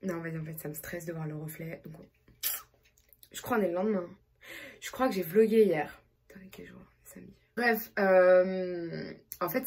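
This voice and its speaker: A woman's voice: lowish voice, slightly rough. A woman in her twenties chatting casually in a vlog, slangy and rambling. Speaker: vlogger.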